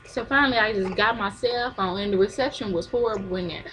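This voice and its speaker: A young woman, chatting loosely to her viewers as she recounts her week at home. Her talk is relaxed and full of asides and laughter. A clear hiss of noise sits under the home recording. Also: mid-range voice, fast. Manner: chatty, laughs often, talks to viewers and baby. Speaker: vlogger. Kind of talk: casual storytelling vlog.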